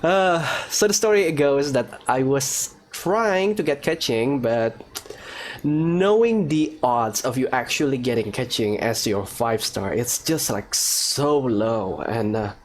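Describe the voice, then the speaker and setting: A gaming video host with an expressive mid-range voice speaks slowly, thinking aloud and giving informal commentary on a let's-play. Faint background noise can be heard in the recording.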